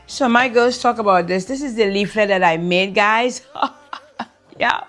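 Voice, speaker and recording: A woman talking to the camera for her vlog, relaxed and explaining. Her voice sits at a medium pitch. Faint music plays underneath. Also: unhurried.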